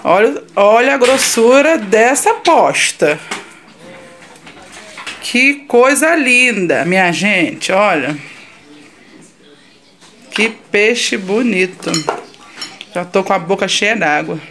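A Brazilian woman hosting a casual cooking vlog in her home kitchen, chatting warmly with her viewers as she cooks. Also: mid-range voice, animated, slow pace, long pauses. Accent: Brazilian Portuguese. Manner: affectionate, chatty, addresses viewers as "minha gente". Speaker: vlogger. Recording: noisy home kitchen audio. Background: frying and sizzling in the kitchen.

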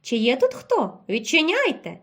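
A woman voicing a big, hungry, grumpy male bear in a children's audio tale, gruff and impatient. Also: high-pitched, huge pitch swings, a little slow, heavily acted.

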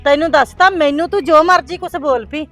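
A woman's voice: sits high, a little fast, fairly bright tone, soft background music. An actress playing an older grandmother who fiercely scolds someone to protect her granddaughter. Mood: scolding. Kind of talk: village drama acting.

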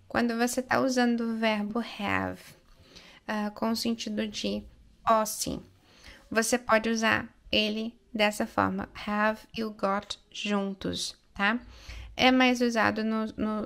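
A Brazilian woman teaching English through Portuguese, moving slowly and carefully and pausing to ask "né?" and "ok?". Her voice sits a little high and has a gravelly edge. She reads the English lines out slowly and clearly. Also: fairly bright tone. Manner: slow, careful delivery with frequent check-ins like "né?" and "ok?". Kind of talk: explaining English phrases in Portuguese.

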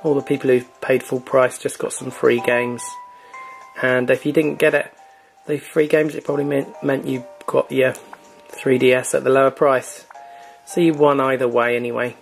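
A man with a creaky, mid-range voice speaks at a normal pace over faint music. As host of a gaming channel, he chats casually through a console's online store, relaxed and full of fillers.

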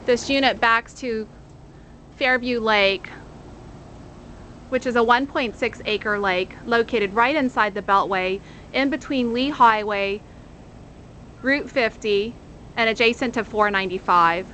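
Here a thirty-something real estate agent talks in a slightly high, pushed and bright voice, unhurried and pausing often, over a little hiss or hum. Holding a handheld camera, she leads an upbeat rental tour that starts outside at the front door and continues through the vacant condo, highlighting each room in turn.

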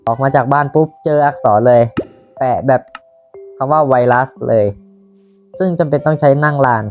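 A man's voice: mid-range voice, steady tone, highs cut off, soft background music. A Thai man casually commenting on his own Minecraft building, chatting to himself as he works. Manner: slow, chatty, talking to himself while building. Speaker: Minecraft YouTuber.

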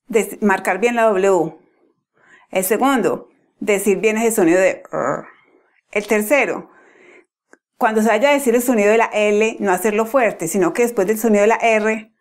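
A young woman giving a casual pronunciation lesson, explaining patiently step by step with frequent restarts. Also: medium pitch. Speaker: pronunciation teacher.

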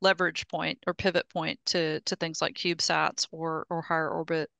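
Gravelly, forceful woman on a headset. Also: low voice, little pitch movement, normal speed, no echo. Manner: explains step by step, often restarting words. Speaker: project presenter at an engineering meetup. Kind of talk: casual technical update. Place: home office on a video call. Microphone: headset mic.

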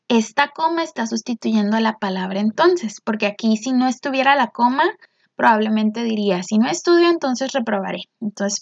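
A woman teacher, explaining step by step in a patient way, with a somewhat high voice. The recording is dry and a little dull, with a lo-fi sound. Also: dry recording. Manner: patient, explanatory, with frequent "entonces" and "¿ok?". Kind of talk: recorded classroom lesson.

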